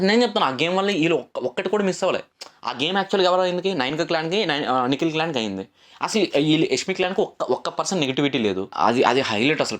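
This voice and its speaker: A young man giving a casual, opinionated reality show review, repeating himself and mixing in English words. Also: on the high side. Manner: rapid, repetitive, mixes English words, argumentative.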